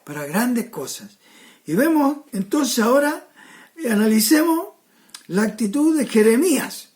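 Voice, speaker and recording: Woman preacher delivering a sermon at a measured, slow pace, often repeating herself. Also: on the high side, big pitch swings, a little mellow. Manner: slow, repeats "¿ya?" and "hermano" to the congregation; restarts and repeated words.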